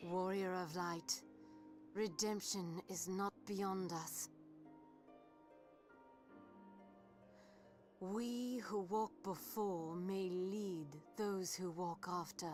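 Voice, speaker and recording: Slow, solemn female war leader, scornful, game cutscene, faint music behind. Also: fairly low pitch, fairly even intonation, a little mellow. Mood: earnest. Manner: solemn, scornful, slips into whispers. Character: grave woman leader of a righteous war.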